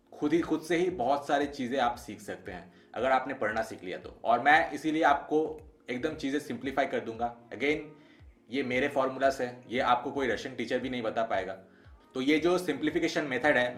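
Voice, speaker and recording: A man teaches an online language lesson, walking through each point step by step. He sounds out letters one at a time, and his voice sits at an ordinary middle pitch. Soft background music plays faintly underneath.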